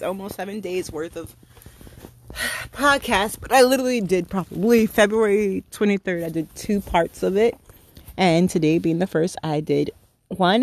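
A thirty-year-old podcast host rambles through a casual solo episode, correcting themself mid-sentence as the thoughts pile up. The voice sits at an ordinary middle pitch. It is recorded dry and close, with no room sound around it. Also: no room sound.

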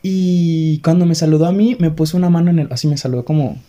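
A young man with a Mexican accent, telling a story in casual chat, animated and laughing nervously now and then. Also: fairly high pitch, quick pace, lo-fi sound. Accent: Mexican Spanish.

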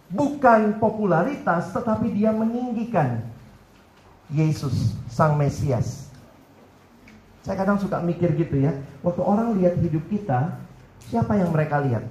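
A young man giving a lively campus sermon, joking and telling animated stories to his listeners. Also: high-pitched. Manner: playful, joking, animated storytelling. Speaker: preacher. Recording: roomy hall echo, faint background noise.

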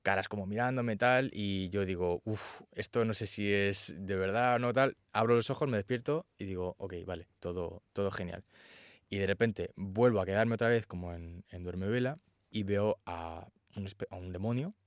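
Animated man telling a story. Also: fairly low pitch, normal speed, clear, resonant tone, no room sound, clean studio sound. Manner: animated storytelling, acts out quotes. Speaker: actor guest. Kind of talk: casual interview chat.

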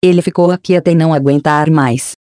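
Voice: medium pitch, steady tone, a little fast, a little mellow, no room sound, studio quality, close to an everyday voice. A Brazilian narrator voicing a sarcastic, taunting repulsive spirit in an audiobook. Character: sneering repulsive spirit, mocking and cruel.

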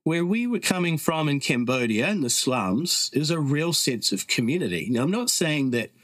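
Telling stories on a podcast, a middle-aged man with a Kiwi accent comes across as reflective and earnest, often reaching for fillers in casual conversation. His fairly bright, higher voice is very animated at a normal speed, with no echo.

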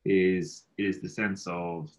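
Low-voiced man with a west of Ireland accent. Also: little pitch movement, slow. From Galway, Ireland. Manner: repeats himself, peppers talk with "you know". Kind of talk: casual philosophical discussion.

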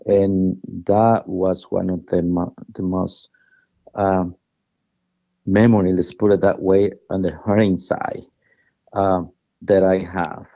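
A man from El Salvador, speaking English with a Salvadoran Spanish accent as a guest chef in an interview, in an earnest, halting way that often repeats words. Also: deep voice, level tone, gravelly, dark tone, dry recording, lo-fi sound. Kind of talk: casual interview conversation.

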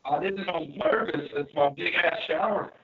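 Guy co-host, high voice drowned in digital echo, playful, muffled lo-fi call sound. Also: moderate pace, breathy edge. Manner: playful, repeating words into the echo. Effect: heavy digital echo on his voice. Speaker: podcast co-host. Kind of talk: goofing around on a call. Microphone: remote call mic. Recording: dull lo-fi call audio with echo.

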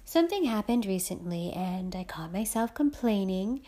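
A woman podcast host talking intimately and unscripted, musing and effusive, with a breathy voice that often drops to a near-whisper. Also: medium pitch, sing-song, moderate pace, dark tone.

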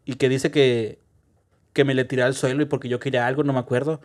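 A man's voice: mid-range voice, little pitch movement, quick pace. A man with a Mexican accent, a guest on a casual podcast, talking about his own childhood in an easygoing way. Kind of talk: casual chat.

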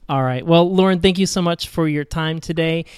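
A male podcast host with a smooth, resonant voice, asking easy, encouraging questions in a casual interview. The sound is dry and close, with no room in it. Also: fairly high pitch, normal speed, no room sound. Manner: gentle, encouraging questions to a child.

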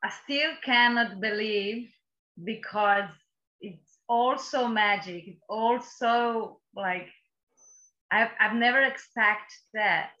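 A woman with an Italian accent chats in English as a guest, her voice bright and a touch high. She hunts for the right words now and then and laughs easily. Her sound comes through a dull, muffled remote line. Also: slow. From Italy. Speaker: guest, workshop co-leader. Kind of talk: casual conversation.

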